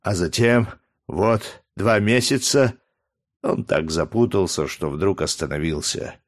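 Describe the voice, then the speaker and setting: A man reading a historical novel aloud as an audiobook narrator, with an expressive, dramatic delivery. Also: sits low, slow pace.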